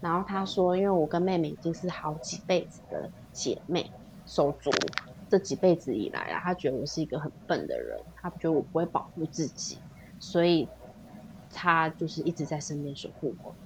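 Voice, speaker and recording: A woman with a Taiwanese Mandarin accent and a fairly low voice shares a painful personal story as a podcast guest. She tells it vividly, voicing the people in it. A faint hiss sits under the recording. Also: brisk. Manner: animated storytelling, acts out quoted dialogue. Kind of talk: emotional personal story in casual chat. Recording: faint background noise.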